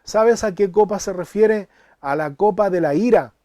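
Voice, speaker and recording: A male pastor delivering a sermon in a high but mellow voice. He preaches emphatically, circling back over his phrases and pushing key words out loud. The sound is close and dry. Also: moderate pace, no echo. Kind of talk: sermon Bible study.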